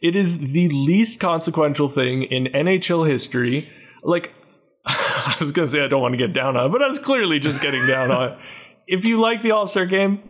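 Laughing, animated podcast host. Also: male voice, on the high side, moderate pace. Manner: laughs often, animated, mocking asides. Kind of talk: casual sports chat.

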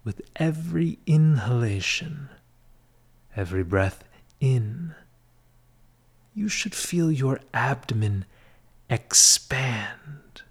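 Leading a guided meditation, a man uses an expressive, medium-pitched voice that stays soft, breathy, and half-whispered, like a spa recording. It is soothing and measured, with short phrases and long pauses.

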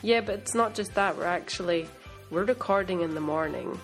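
A woman's voice: fairly low pitch, moderate pace, soft background music. A woman co-hosting a casual podcast while sick, chatty and self-deprecating. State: sick, under the weather. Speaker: podcast co-host. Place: home in Scotland.

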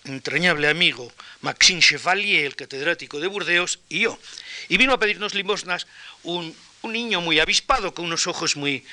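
Older spanish guy lecturing, castilian accent, kinda high voice, slow careful telling with restarts. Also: sharp tone. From Spain. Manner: measured, anecdotal, with pauses and restarts. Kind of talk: academic lecture.

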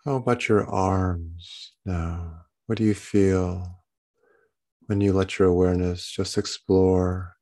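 Slow, low-voiced man guiding meditation. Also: fairly even intonation. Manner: gentle, soothing bedtime-narrator delivery with long pauses. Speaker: meditation guide. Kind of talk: guided body-scan meditation, unscripted.

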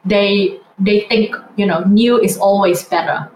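A woman's voice: medium pitch, a little slow, darkish tone, a little hiss or hum. Woman in an echoey room. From Indonesia. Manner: earnest, reflective storytelling. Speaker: guest, vintage blogger. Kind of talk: conversational interview.

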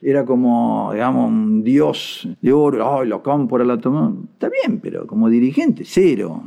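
An older man with an Argentine accent giving indignant, sarcastic political commentary. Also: mid-range voice. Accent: Argentine Spanish. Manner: indignant, sarcastic, mocks people in put-on voices. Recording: dull lo-fi sound.

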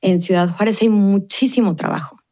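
Speaking at a moderate pace, this middle-aged podcast guest from the Mexican border region has a mid-range voice with a dark tone. The conversation is casual, and she comes across as earnest and reflective, with lots of fillers.

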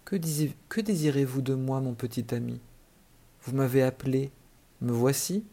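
A man voicing a kind female fairy in a storybook reading, speaking softly and gently. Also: medium pitch, normal speed, natural voice. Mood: gentle. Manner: soft, gentle.

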